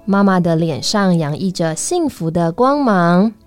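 A woman reading a children's story aloud in an expressive, sing-song storytelling manner. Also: lowish voice, measured pace. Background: faint music.

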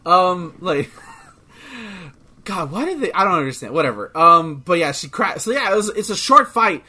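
A man co-hosting a casual chat podcast, rambling and excitable, often swearing as he talks. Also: high-pitched, measured pace, husky. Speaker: podcast co-host.

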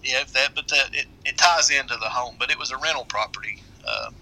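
A middle-aged man with an Appalachian accent, telling a story casually in a halting, rambling way. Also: medium pitch, gravelly, bright, forceful tone, rough recording. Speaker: guest storyteller.

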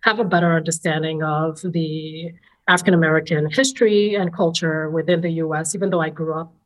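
Podcast guest, woman, 30s, New York accent, low-ish voice, reflective storyteller. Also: steady tone, a little fast, rough recording. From Senegal, raised in Harlem, New York. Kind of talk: podcast interview.

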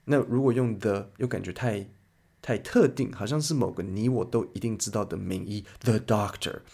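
A man hosts an English lesson podcast. He explains words in a chatty, lively way. His voice sits low and has a gravelly, fry-heavy texture. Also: normal speed. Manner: lively, chatty explainer who switches into English example sentences. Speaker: English teacher and podcast host.

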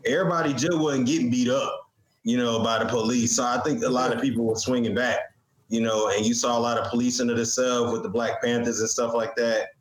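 An American man explaining his view in casual discussion, in a halting way. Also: mid-range voice, steady tone. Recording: roomy, echoing sound.

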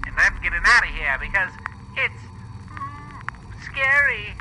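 A man voicing a theatrical old-time radio show announcer who reads out poll results in slow, sweeping showman patter. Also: high voice, animated, pushed and bright, slight background noise, full character voice, poor audio.

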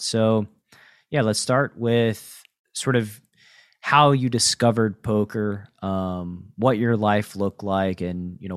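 Low-voiced man hosting a podcast, dry sound. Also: dry recording. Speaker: podcast host. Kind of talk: conversational podcast interview.

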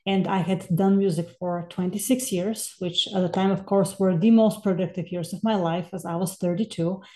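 A woman's voice: lowish voice, steady tone, moderate pace, darkish tone, reverberant. A woman in her forties, originally from Bulgaria, telling her story as a podcast guest in an earnest, reflective way. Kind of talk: podcast interview.

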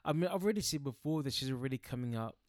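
A man with a medium-pitched voice chats casually as a co-host, offering opinions as he reviews. The recording is dry, with little room sound. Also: lively intonation, very fast, dry recording. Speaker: podcast co-host reviewing a TV show.

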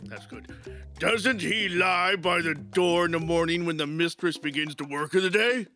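A man's voice: on the high side, moderate pace, pushed and bright, soft background music. A man voicing a sly, wise male wild boar who is amused and scheming.

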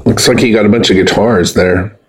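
Fairly low voiced guy, deadpan, goofy over the top bits on a chill podcast. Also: fairly quick. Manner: deadpan, absurd overblown jokes. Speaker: podcast co-host. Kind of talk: casual podcast chat.

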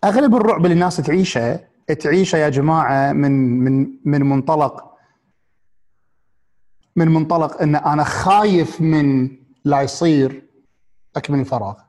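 A man with a Gulf Arabic accent giving a reflective motivational talk, asking one rhetorical question after another and pausing on fillers and restarts. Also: a little high, a little mellow. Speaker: speaker on happiness and mindfulness.

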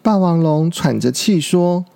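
Male storyteller for kids' audio, gravelly and slow, deliberate reads. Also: fairly high pitch, animated, warm tone. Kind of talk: children's story reading.

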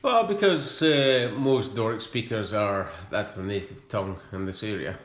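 A man with a northeast Scottish accent chats as an interviewee. His voice is fairly low and his phrasing halting, often repeating words. The room echoes. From northeast Scotland. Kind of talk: casual chat.

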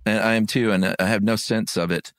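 A man's voice: on the low side, fairly even intonation, brisk, dry recording, clean studio sound. A man hosting a podcast, chatting casually and reading listener comments in an informal, laid-back way. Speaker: podcast host.

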